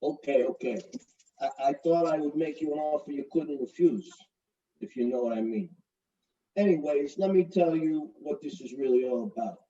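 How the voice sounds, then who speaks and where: An actor playing a brash, crude, middle-aged mobster-type fiancé who swaggers and wisecracks in a comedy courtroom sketch. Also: male voice, fairly high pitch, normal speed, warm tone, distant mic, muffled recording, natural voice. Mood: swaggering. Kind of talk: comedic courtroom parody acting.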